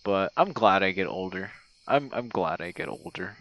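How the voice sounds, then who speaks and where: Crickets and insect night sounds fill this outdoor, poor-quality recording of a man, an online audio creator and game streamer. With a deep voice, lively intonation, normal speed and a slightly bright tone, he gives a hesitant, meandering monologue like a voice message to a friend, swearing easily.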